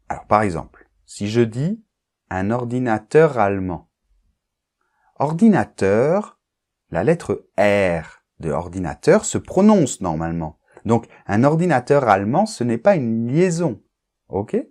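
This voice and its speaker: Male language teacher, lower voice, very unhurried lesson delivery, keeps checking in with learners. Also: darkish tone. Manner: slow, deliberate, checks understanding with frequent "d'accord?". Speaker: French teacher. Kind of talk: explaining a grammar lesson.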